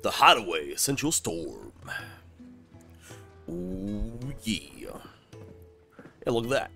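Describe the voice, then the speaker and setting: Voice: low-pitched, big pitch swings, takes it slowly, bright, forceful tone, soft background music. A let's player giving casual, playful commentary over a game, with jokey asides in mock-posh voices.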